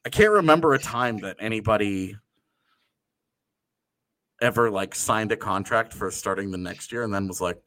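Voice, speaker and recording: A man's voice: lowish voice, normal speed, pauses often, fairly bright tone, dry recording. A man co-hosting a sports podcast with casual, joking and blunt banter.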